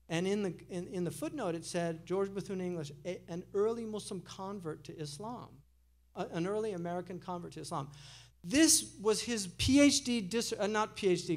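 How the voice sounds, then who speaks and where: Male lecturer, gravelly and a bit high, chatty and digressive with an audience. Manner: conversational, digressive, chuckles as he talks. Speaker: speaker giving a public lecture. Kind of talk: casual lecture. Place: lecture hall.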